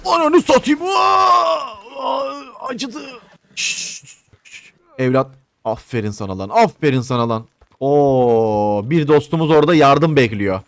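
A man's voice: medium pitch, no room sound. A young man commentating a western video game as he plays, joking, swearing and talking back to the characters. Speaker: gameplay commentator. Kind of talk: let's play commentary.

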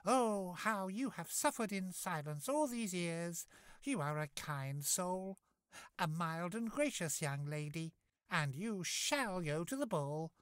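A man's voice: sits high, lively intonation, takes it slowly, fairly bright tone, clean tone, no room sound, studio quality, voice pushed up, heavily acted. A man voicing a cheerful, motherly old fairy who talks in a doting sing-song way. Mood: reassuring.

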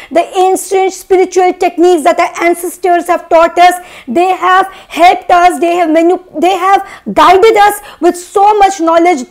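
A young woman from India giving an earnest, emphatic spiritual motivational talk, preachy and repeating phrases to drive points home. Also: very high-pitched. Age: young adult. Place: small indoor room, seated at a desk.

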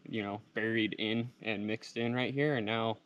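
A man's voice: lowish voice, steady tone, moderate pace, fairly bright tone, lo-fi sound, a little hiss or hum. A man in his thirties co-hosting a casual outdoor vlog, enthusiastic and easygoing, filmed on a handheld camera. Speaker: vlog co-host. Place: outdoors at a rural building site.

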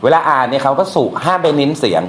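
A man's voice: mid-range voice, very animated, rapid-fire, fairly bright tone. A man teaching poetry in a casual, blunt way, using slang and reciting verses aloud. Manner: blunt and colloquial, with slang and crude words. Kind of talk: casual lecture on Thai poetry. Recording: echoey room, faint noise.

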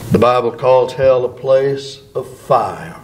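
A man's voice: medium pitch, expressive, slow pace, a little mellow, a little hiss or hum. An older man, a pastor, preaching a sermon at a church podium microphone, drawing out words for emphasis. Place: church sanctuary before a bank of flowers.

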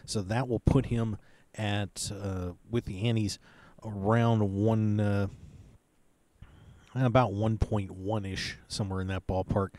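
A man with a fairly low voice gives live commentary on a poker tournament. He talks in a loose, chatty way, filling pauses as he reads out hands and chip counts. The sound is dry and close, with little room echo. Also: flat delivery, a little mellow. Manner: chatty, loose play-by-play with filler words.

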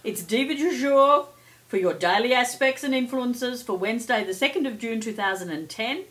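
An older woman with a bright, forceful, fairly high voice presents a daily horoscope. She is chatty and theatrical, with a playful, effusive way of addressing her listeners as darlings. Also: normal speed. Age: middle-aged or older. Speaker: psychic and astrology host.

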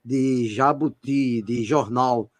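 A man's voice: mid-range voice, fairly even intonation, slow, no echo. A man with a Brazilian Portuguese accent, a radio co-host explaining pronunciation in a casual way. He repeats points, gives examples and checks that the listener follows along.

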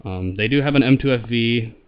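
A man's voice: mid-range voice, fairly quick, clean tone, highs cut off. A man giving a casual, hands-on product demonstration as a reviewer. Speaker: gas mask reviewer.

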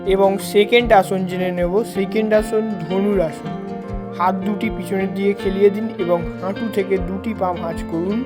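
A woman yoga teacher giving scripted, step-by-step instructional narration. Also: mid-range voice. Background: plucked guitar music.

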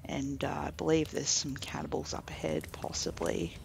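Slightly high and fry-tinged, the commentator's voice moves at a moderate pace over light background noise. It's a laid-back let's play of a survival game, where he talks through his thoughts while playing.

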